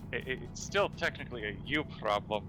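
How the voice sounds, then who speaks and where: A man's voice: mid-range voice, expressive, normal speed, noisy background. Man joking in a mock Russian accent. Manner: talks in a playful put-on Russian accent; joking, teasing banter. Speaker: streamer playing a co-op game. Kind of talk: casual gaming chat.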